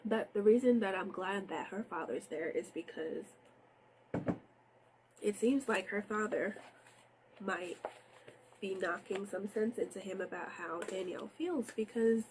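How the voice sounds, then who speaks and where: A woman's voice: mid-range voice, measured pace, long pauses, a little mellow, a little hiss or hum, poor audio. A woman hosting a casual TV recap, outspoken and exasperated, with a nasal, stuffy voice and sniffles. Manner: outspoken, exasperated, talks straight to viewers. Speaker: TV recap host.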